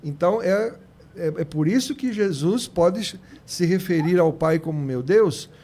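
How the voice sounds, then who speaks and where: A man's voice: sits high, lively intonation, unhurried, warm tone. A Brazilian man explaining religious arguments as a teacher on a panel, didactic and point by point, with small checking tags. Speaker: theology teacher on a radio panel.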